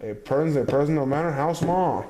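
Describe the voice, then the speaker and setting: A man reading a rhyming picture book aloud in a measured, rhythmic way, with the odd stumble. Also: on the high side. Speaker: storybook reader. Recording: echoey room with background noise.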